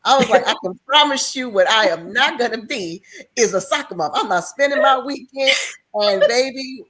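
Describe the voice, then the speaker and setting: A woman in her fifties, a guest in a casual talk, speaking in a measured, reflective way with bursts of laughter. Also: a little high, lively intonation, a bit bright. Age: 50s. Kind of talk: casual chat.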